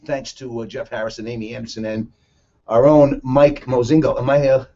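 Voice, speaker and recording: A man hosting a radio talk show, telling rambling stories in a casual, excitable way. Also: medium pitch, fairly quick, dull audio. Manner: rambling, excitable, chuckling storyteller. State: a little out of breath.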